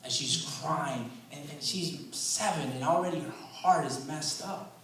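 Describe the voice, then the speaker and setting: A man preaching a sermon in a conversational storytelling way, often saying "man" and repeating words, and getting loud and intense to drive a point home. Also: on the high side, a little slow, a little hiss or hum. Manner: rises loud and intense for emphasis. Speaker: guest preacher. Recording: echoey hall, voice picked up from a distance.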